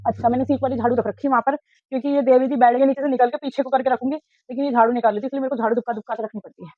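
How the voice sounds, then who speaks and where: A woman's voice: high-pitched, steady tone, very fast, dry recording. A woman, a mother, chatting casually at home while doing chores, talking to herself and her kids. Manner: chatty, talks to herself and scolds kids between tasks. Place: home indoors. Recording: dry, dull lo-fi sound.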